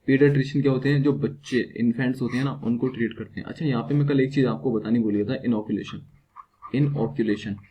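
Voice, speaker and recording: An Indian man with an accent teaching a vocabulary lecture, who keeps asking questions and then answering them himself. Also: medium pitch. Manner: asks and answers his own questions. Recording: dull lo-fi sound with faint hiss.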